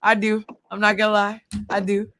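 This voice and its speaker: Female co-host, Queens accent, bright and punchy, effusive casual street talk, close dry recording. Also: medium pitch, monotone, moderate pace, no room sound. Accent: Queens, New York. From Queens, New York. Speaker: interview co-host. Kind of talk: casual, slangy interview chat.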